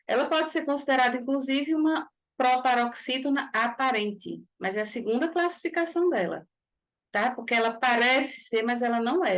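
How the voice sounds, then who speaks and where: A woman's voice: fairly high pitch, a bit bright. A woman with a Brazilian Portuguese accent teaching a grammar lesson for exam preparation, explaining step by step and checking in with frequent tag questions.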